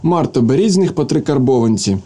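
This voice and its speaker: A man's voice: mid-range voice, lively intonation, quick pace, dark tone, close to an everyday voice. A man reading a jokey, clowning clerk. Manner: guffawing, clowning. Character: jovial, poor male cooperative clerk, jokey.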